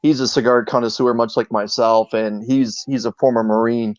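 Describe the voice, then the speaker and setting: Male guest, average pitch, earnest and halting casual storytelling, dull close lo-fi audio. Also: fairly even intonation, dry recording. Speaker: interview guest, video creator. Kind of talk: casual chat, telling anecdotes. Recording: dull, dry lo-fi sound.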